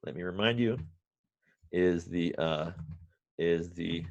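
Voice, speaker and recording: Low gravelly male professor lecturing. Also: dry recording, muffled recording. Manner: halting, with many restarts and fillers; wry, self-mocking asides. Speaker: math professor. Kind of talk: remote university lecture.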